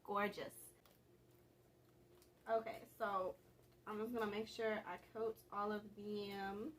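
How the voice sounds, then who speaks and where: A woman's voice: mid-range voice, flat delivery, slow, a little hiss or hum. A young woman vlogger chatting casually and rambling a little, with laughs between thoughts. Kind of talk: casual vlog chat.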